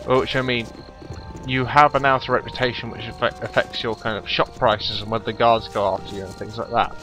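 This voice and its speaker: A man chats through a gameplay recording, explaining his choices and joking at his own expense. His voice sits at an average pitch. Faint game music plays underneath him. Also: flat delivery, brisk, bright, forceful tone. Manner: chatty, explanatory, self-deprecating. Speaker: let's play commentator. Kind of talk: casual gameplay commentary.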